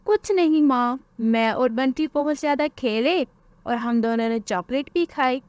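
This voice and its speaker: A woman's voice: sits high, unhurried, a little mellow, no echo. A woman voicing a playful young boy bird in a cartoon who talks in a fidgety, fibbing way. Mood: nervous.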